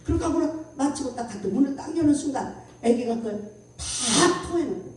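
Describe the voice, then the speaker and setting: A woman pastor giving a revival sermon with a personal testimony, telling it in an animated way, acting out voices and laughing often, recorded from far off in an echoey hall. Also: high voice, brisk. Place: church prayer house at a revival meeting.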